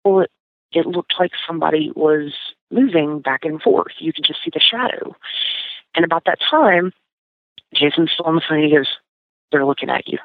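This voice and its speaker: A woman's voice: sits low, moderate pace, long pauses, no echo. A woman casually recounting a personal experience as a guest, talking with many fillers and restarts. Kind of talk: casual storytelling. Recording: tinny phone line, dry.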